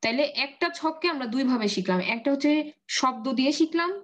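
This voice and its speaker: A woman's voice: high-pitched, lively intonation, fast talker. A woman teaching an online Arabic grammar class, patiently drilling word endings and asking her students questions.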